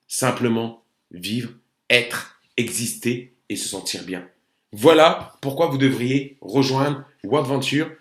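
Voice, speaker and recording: A man speaking French, giving a persuasive sales presentation that mixes in rhetorical questions. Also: mid-range voice. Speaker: business opportunity presenter. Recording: roomy echo.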